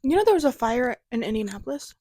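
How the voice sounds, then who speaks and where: A woman's voice: a little high, big pitch swings, quick pace, mellow, a little hiss or hum. A young woman from the co-hosting a podcast, telling stories in a chatty way with playful asides. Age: young adult. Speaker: podcast co-host. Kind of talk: casual chat.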